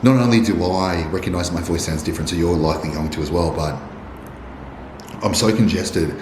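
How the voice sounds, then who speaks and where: Congested and sick, a barbershop owner narrates his own vlog in formal, wordy phrasing, his deep voice brisk. The recording has a roomy echo and faint noise.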